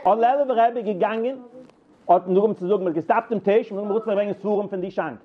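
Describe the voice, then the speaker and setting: High-voiced man on tinny line. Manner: halting, repeats and restarts words, animated. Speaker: storyteller. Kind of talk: rambling personal anecdotes.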